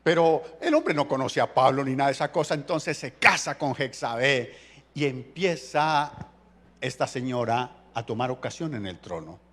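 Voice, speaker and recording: A pastor, preaching a sermon in a colloquial, jokey storytelling way. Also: male voice, mid-range voice, expressive, normal speed, fairly bright tone.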